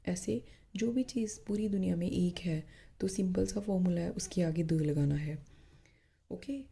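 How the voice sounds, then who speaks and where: Woman teacher, dark gravelly voice, patient and repetitive, for a kids' grammar lesson. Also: fairly low pitch. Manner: patient, repeats words slowly and spells them out.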